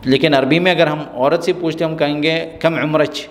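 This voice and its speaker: A man, teaching a spoken-language lesson and repeating example phrases slowly and deliberately. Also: fairly high pitch, steady tone, in a large hall. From Pakistan. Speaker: Arabic teacher.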